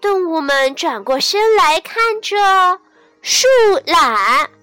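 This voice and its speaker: A woman telling a bedtime story to children in a gentle, sing-song, soothing manner. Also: high voice, big pitch swings, slow pace, no echo. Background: soft background music.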